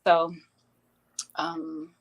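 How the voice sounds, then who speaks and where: A young woman, a guest in an interview, telling her life story in a hesitant, casual way with many pauses and restarts. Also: deep voice, monotone, lo-fi sound. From grew up in Bangladesh, later Canada.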